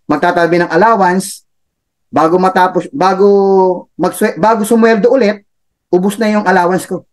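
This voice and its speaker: Chatty man giving a motivational talk. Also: high-pitched. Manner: chatty, laughs, tag questions. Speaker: motivational speaker for a business club.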